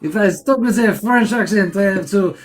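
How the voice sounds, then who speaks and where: A man in a pirate captain persona, telling an animated story on a group voice call and acting out shouted lines. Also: high-pitched, normal speed.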